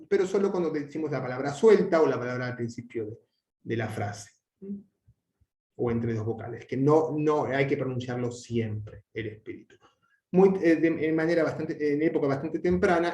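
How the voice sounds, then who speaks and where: A man teaching a language lesson, explaining at length with frequent restarts and fillers, and drawing out his example words slowly. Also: mid-range voice, darkish tone. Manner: hesitant, many restarts and fillers. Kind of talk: explanatory lecture. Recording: echoey room.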